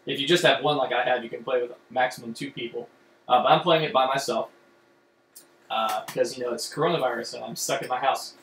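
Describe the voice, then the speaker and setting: In a room at home, a man streams and loosely explains a card game, rambling with plenty of fillers and restarts. He talks quickly at a medium, steady pitch, with vocal fry and a fairly bright tone, and the echoey recording carries a faint background hum.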